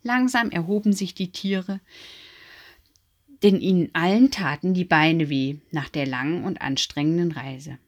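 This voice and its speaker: A woman reading a children's Christmas story aloud in an expressive storybook manner. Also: fairly low pitch, measured pace.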